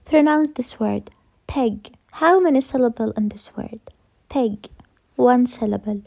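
A woman's voice: fairly high pitch, a little slow, gravelly, dark tone. A woman teaching English grammar in a recorded lesson, repeating each rule and answering her own questions.

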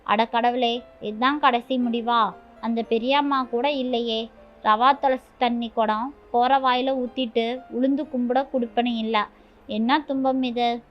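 A kind-hearted, caring housemaid, put on by a woman narrator in a storybook tale. She laments in a sympathetic, fairly high voice. The recording is dull and lo-fi, with faint music behind. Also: steady tone, slow. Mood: sorrowful.

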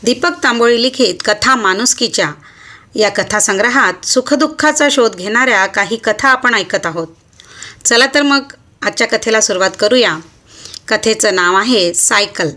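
A woman hosting her own channel, narrating a short story in a measured, expressive reading voice. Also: fairly high pitch.

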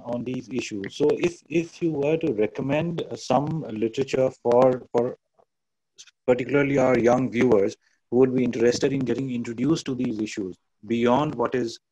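A man with an Indian English accent, moderating an online panel and framing his questions with measured repetitions. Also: medium pitch, dark tone, slightly rough. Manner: measured, repeats words as he frames questions. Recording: muffled video-call audio.

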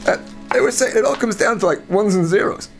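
A man's voice: sits high, brisk, soft background music. An actor playing a laid-back young man who rambles and giggles about life. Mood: rambling. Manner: giggly, rambling, filler-heavy. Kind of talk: radio drama acting.

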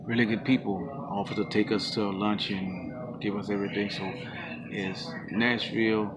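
A man's voice: lowish voice, steady tone, normal speed. A middle-aged man chatting casually and upbeat for a travel vlog, filmed on a handheld camera at arm's length at a campground and in a shop. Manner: easygoing, upbeat, plain-spoken. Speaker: vlogger on a motorcycle road trip. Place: campground outdoors and a motorcycle shop. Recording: clear outdoor background noise.

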